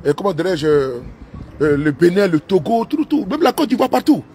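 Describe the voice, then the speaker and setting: A man's voice: high voice, sing-song, moderate pace, dark tone, a little hiss or hum. A man streaming live from inside his car, talking in a long, repetitive, rambling monologue and slipping into broken English now and then. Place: inside his parked car with engine running.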